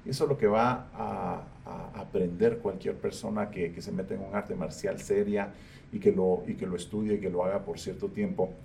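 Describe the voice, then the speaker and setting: A man's voice: low-pitched, fairly even intonation, moderate pace, creaky, darkish tone. A man hosting a casual interview podcast, talking bluntly and with strong opinions. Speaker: podcast host. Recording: distant mic with faint ambient noise.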